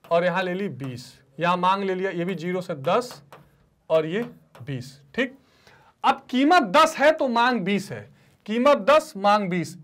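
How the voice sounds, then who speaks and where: Male teacher with a lively, swooping delivery. He works in call-and-response, has students repeat key terms, and answers for them himself. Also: sits high. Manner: voices students' replies to himself; mixes English terms into his explanation. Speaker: economics teacher. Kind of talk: online classroom lecture.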